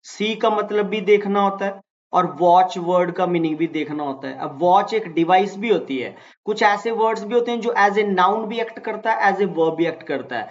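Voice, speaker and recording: A man's voice: high voice, moderate pace, dull audio. A male teacher giving an exam-prep lecture, patiently explaining and addressing students affectionately as "beta", mixing Hindi with English example sentences.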